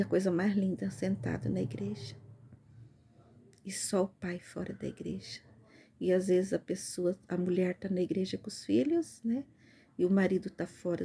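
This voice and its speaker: A woman's voice: on the low side, vocal fry, dark tone, slight background noise. A Brazilian woman earnestly sharing a religious testimony in casual speech, often turning to her listeners. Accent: Brazilian Portuguese. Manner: earnest, repetitive, addresses listeners as "gente". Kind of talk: informal spoken testimony.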